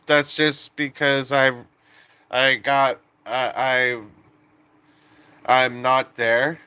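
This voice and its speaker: On a live stream, this late-twenties man talks in a loose, joking way, frequently cutting himself off and restarting. His voice sits at a medium pitch, with a sharp, clean tone.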